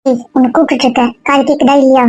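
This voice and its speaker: A woman acting as a sulky, stubborn woman in a homemade family drama, with a high voice and quick, grumbling delivery. The recording is dull, dry and lo-fi. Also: little pitch movement, a little mellow, husky, dry recording. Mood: pleading. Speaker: actor in a family comedy-drama skit. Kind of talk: casual web-series acting.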